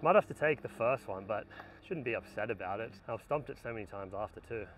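A man's voice: on the low side, animated, brisk. Tired man muttering at a skate spot. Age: 30s. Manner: self-coaching, muttering between attempts. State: tired and worn out. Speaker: skateboarder vlogger. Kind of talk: casual self-talk while filming. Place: outdoors at a skate spot in strong sun. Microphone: camera mic set up at a distance. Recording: distant camera audio with outdoor noise.

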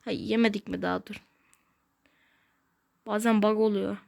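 A woman hosting a gaming channel, giving casual let's-play commentary in short, excitable bursts with slangy exclamations and mild curses. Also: mid-range voice, moderate pace, vocal fry. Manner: talks to self while playing, short bursts.

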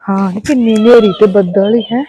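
A woman playing a mother visiting her daughter, asking gently how she is doing. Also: medium pitch, steady tone, normal speed, slight background noise. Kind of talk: amateur Punjabi family skit. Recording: music behind voice.

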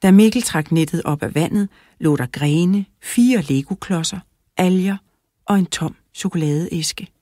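A woman narrating a children's audiobook in a clear, even storytelling manner, close to the mic. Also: lowish voice, no echo. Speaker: audiobook reader.

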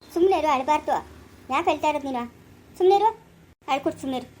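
A woman's voice: sits high, fast, a little mellow, natural voice. A woman playing a firm, soothing elder sister. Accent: rural Karnataka Kannada. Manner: coaxing, firm, repetitive. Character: calm elder sister soothing her sibling. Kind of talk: amateur family drama skit.

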